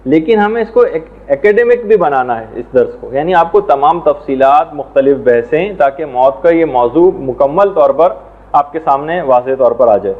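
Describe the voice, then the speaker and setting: A man's voice: fairly high pitch, lively intonation. Tinny-sounding male religious teacher. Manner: measured, explanatory, quotes Arabic prayers. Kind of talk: academic religious lesson.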